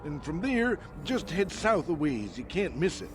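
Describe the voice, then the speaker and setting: An actor playing a grumpy, folksy old janitor in a video game, with a rambling, stammering way of talking. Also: male voice, a little high, big pitch swings, unhurried. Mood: folksy, reserved. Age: older.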